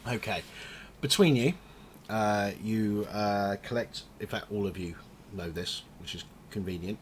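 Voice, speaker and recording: A man acting as game master, narrating a tabletop game with a mix of halting improvisation and read-out description. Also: fairly low pitch. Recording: faint background noise.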